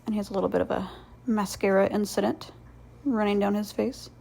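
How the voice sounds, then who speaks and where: A woman's voice: medium pitch, steady tone, fairly quick, creaky, dark tone, poor audio. A woman giving casual, rambling craft voice-over commentary as host, playfully sarcastic and self-deprecating.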